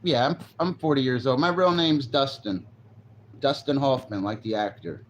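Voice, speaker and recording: On a casual live stream captured by a phone on a selfie stick, a forty-year-old man rambles and occasionally curses. He speaks at medium pitch and normal speed. The recording sounds muffled, with slight background noise.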